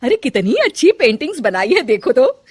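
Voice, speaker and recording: A woman voicing a loud, bossy older mother-in-law who gives orders in a dry, close voice. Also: high-pitched, very animated, moderate pace, husky, no echo, voice pushed up, heavily acted. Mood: proud. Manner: loud, commanding, calls out to her daughter-in-law.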